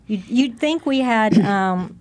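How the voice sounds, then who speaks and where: A woman's voice: fairly high pitch, animated, slow, darkish tone. A woman co-hosting an internet radio talk show, chatty and giggly. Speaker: co-host.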